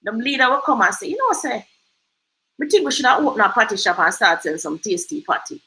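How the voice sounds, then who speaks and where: A woman's voice: a little high, sing-song, fast talker, bright, forceful tone, rough recording. A Jamaican woman hosting a livestream, giving emphatic motivational advice and slipping into patois. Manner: emphatic, preachy, switches into patois. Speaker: host.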